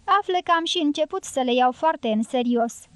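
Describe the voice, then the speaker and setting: A woman's voice: sits high, animated, no echo. A woman reading an audiobook, voicing a talkative, joking Romani guerrilla man who admits he is afraid. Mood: mocking, voluble.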